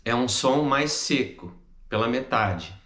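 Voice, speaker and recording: A man from Brazil teaching an online language lesson, clearly and patiently, repeating example phrases slowly. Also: mid-range voice, expressive, a bit bright, roomy sound. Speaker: English teacher.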